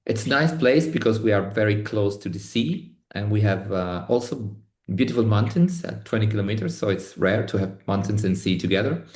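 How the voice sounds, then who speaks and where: A middle-aged Italian man with an Italian accent, speaking as an interview guest in careful English with many pauses and restarts. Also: fairly low pitch, lively intonation, a little mellow, echoey room. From Italy. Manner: thoughtful, many restarts and hesitations. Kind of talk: online interview.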